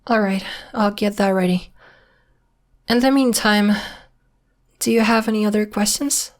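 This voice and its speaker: Close to her everyday voice, a medium-pitched woman plays a protective, secretive and polite young werewolf in an ASMR roleplay. Her delivery is measured, hesitant and matter-of-fact, with a concerned, mildly reproving feel.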